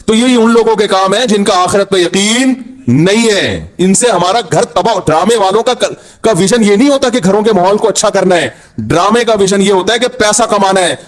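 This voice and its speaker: A man delivering a sermon, scolding his listeners with rhetorical questions. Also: sits high. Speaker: Islamic preacher.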